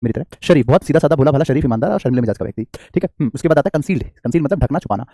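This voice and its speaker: A man's voice: mid-range voice, expressive, rapid-fire, gravelly, warm tone, no room sound, clean studio sound. A man teaching English vocabulary in a live online class, chatty and joking, calling his students "beta" and reading their comments aloud.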